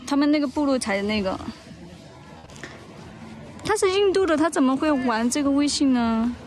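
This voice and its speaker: A woman's voice: sits high, lively intonation, moderate pace, darkish tone, a little hiss or hum. Chatty woman. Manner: chatty, teasing, coos in baby talk. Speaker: livestream host. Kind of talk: casual livestream chat. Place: outdoor monkey park.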